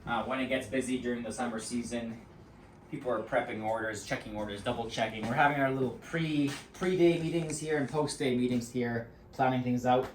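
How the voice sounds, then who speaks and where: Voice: mid-range voice, fairly even intonation, a little fast. A person giving a casual, unscripted walk-through tour of their business, talking informally and rambling as they think aloud. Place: large echoey rental warehouse and shop. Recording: echoey warehouse, distant mic, clearly noisy background.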